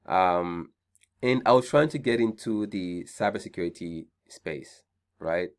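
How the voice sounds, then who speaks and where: Nigerian guy running a zoom career talk, lowish voice, keeps saying right? and repeating himself. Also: a little slow. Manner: conversational, repeats key points, frequent "right?" check-ins. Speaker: seminar host. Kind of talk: online career seminar talk.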